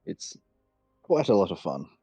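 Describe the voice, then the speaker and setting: A man's voice: deep voice, sing-song, measured pace, dark tone, husky. A man co-hosting a game livestream in casual chat, heard through a muffled, roomy microphone with music behind. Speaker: stream co-host.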